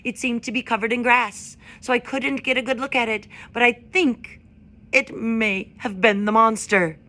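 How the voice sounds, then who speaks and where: A woman voicing a loud, fussy, excitable male owl who hoots and screeches at the crowd. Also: a little high, normal speed, pitched above the performer's own voice. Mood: alarmed.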